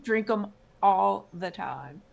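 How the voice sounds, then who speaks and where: A woman's voice: medium pitch, animated, slow pace, gravelly, a little mellow. A woman from North Carolina, a singer-songwriter guest, talking thoughtfully in a casual interview. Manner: thoughtful, reflective, laughs lightly.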